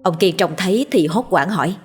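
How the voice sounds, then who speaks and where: A woman narrating a ghost story in a steady, measured way. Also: fairly low pitch, husky. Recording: faint background music.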